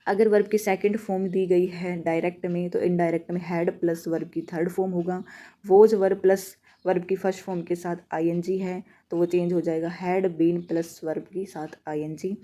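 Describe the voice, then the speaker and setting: A woman with a Haryanvi Hindi accent teaching an exam-prep grammar lesson. Her voice is mellow and sits slightly low. She poses questions and answers them herself, and she slows down to read out example sentences. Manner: reads example sentences slowly.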